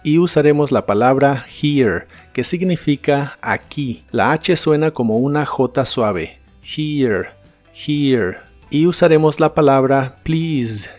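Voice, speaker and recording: A man teaching English to Spanish speakers in a scripted lesson, pronouncing each word slowly and carefully. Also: mid-range voice, a little mellow. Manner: slow, careful model pronunciation of English words.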